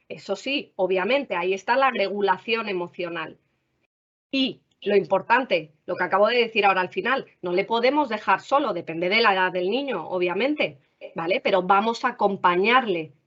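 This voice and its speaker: A woman with a Spain Spanish accent, a school counselor giving parents practical advice in a webinar, often checking in with the audience. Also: mid-range voice. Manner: warm advisory tone, frequent "vale?" checks. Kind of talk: explanatory talk to parents. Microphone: video call. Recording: dull video-call audio.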